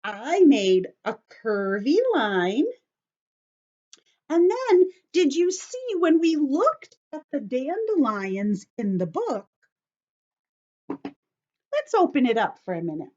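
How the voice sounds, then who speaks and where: Speaking slowly with frequent pauses, this story-time teacher walks young children through a craft step by step, addressing them directly and keeping things simple. She has a high, warm voice with big swings in pitch, and the recording is lo-fi.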